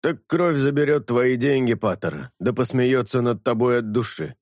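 Male narrator doing a wary, gruff street tough with a grumbling, jumpy delivery; dry close mic. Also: mid-range voice, moderate pace, darkish tone, no echo, close to an everyday voice.

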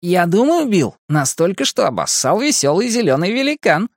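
Man doing a wisecracking boy, very high, shrill, excitable, storybook, dry sound. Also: normal speed, no room sound, exaggerated voice. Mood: teasing. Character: bespectacled wisecracking boy, loud joker.

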